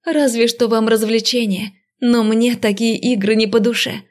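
A woman voicing a fiery, sarcastic young female first-year magic student in an audiobook, talking sharp and defiant. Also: medium pitch, moderate pace, close to an everyday voice. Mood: indignant. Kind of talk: audiobook character voice.

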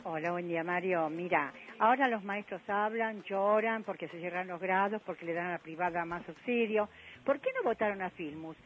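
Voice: medium pitch, normal speed, fairly bright tone, slight background noise, rough recording. A schoolteacher leaving a voicemail for a radio show, complaining angrily and indignantly.

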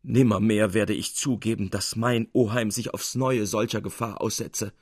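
Brief: man voicing a protective young niece, lifted pitch, husky, pleading, read-aloud tale. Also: steady tone, moderate pace, no echo, studio quality. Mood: anxious, pleading. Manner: pleading, earnest and agitated. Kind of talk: reading aloud a literary tale.

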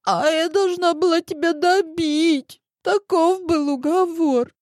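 Woman doing a tearful young mistress, crying, very high wailing voice, sobbing, dry close sound. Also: slow pace, darkish tone, dry recording. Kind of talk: audiobook character voice.

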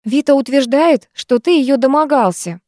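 A woman's voice: fairly high pitch, animated, a little fast, mellow, no echo, studio quality, pitched above the performer's own voice. A woman voicing a strict, level-headed teenage schoolgirl who questions the others sternly.

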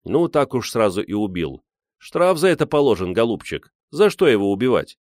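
A man's voice: on the low side, big pitch swings, moderate pace, dry recording, clean studio sound. A man playing a sly old polar explorer with a teasing manner who spins tall tales. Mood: joking.

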